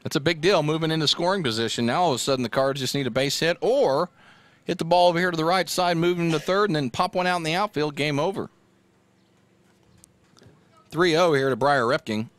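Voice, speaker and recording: A man doing relaxed, joking play-by-play commentary for a local high school baseball game, as a regular announcer. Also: fairly quick, no room sound. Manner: relaxed, joking, gets loud and excited on the home run.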